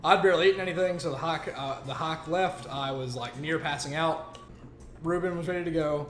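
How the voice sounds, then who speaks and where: A man's voice: fairly high pitch, a little fast, roomy sound. A man playing a game while telling a rambling, laid-back story in casual chat. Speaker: let's play co-host.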